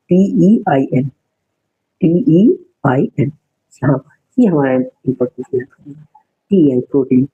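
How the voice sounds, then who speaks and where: A man's voice: a little high, husky, narrow, tinny audio. A man teaching an exam-prep spelling lesson, repeating each word, spelling it out letter by letter and explaining its meaning to viewers.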